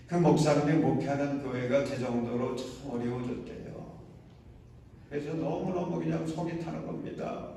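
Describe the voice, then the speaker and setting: A man's voice: mid-range voice, gravelly, dark tone, a little hiss or hum. Emphatic middle-aged male pastor, echoey church. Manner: emphatic, rising to exhortations and questions to the congregation. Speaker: senior pastor. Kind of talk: sermon. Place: large church sanctuary. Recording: echoey church hall, mic from far off.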